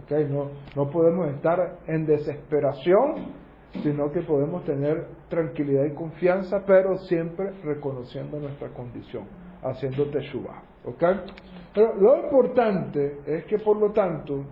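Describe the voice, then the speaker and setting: A man's voice: a little high, measured pace, a little hiss or hum. A man teaching a religious lesson in a sermon style, asking rhetorical questions and checking in with his listeners. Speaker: teacher of a Torah study group. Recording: roomy, dull lo-fi sound.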